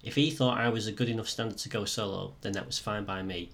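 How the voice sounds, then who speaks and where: A man with a slightly croaky, sore-throat voice, presenting a podcast as scripted first-person storytelling. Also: lowish voice, steady tone, fast, fairly bright tone. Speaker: podcast host and student pilot.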